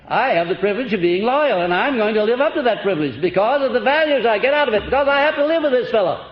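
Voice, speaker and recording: High-voiced man on an old recording. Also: animated, fast talker. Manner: folksy, chuckling, quizzes his audience. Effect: old archival recording. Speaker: seminar lecturer. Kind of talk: motivational seminar lecture. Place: lecture hall before a live audience. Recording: echoey, dull old lecture-hall tape with faint hiss.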